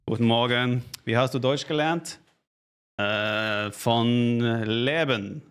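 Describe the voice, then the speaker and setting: A man streaming a strategy game, chatting casually with viewers in halting, self-correcting speech and thanking subscribers. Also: medium pitch, fairly bright tone, clean tone. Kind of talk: casual live-stream gaming chat.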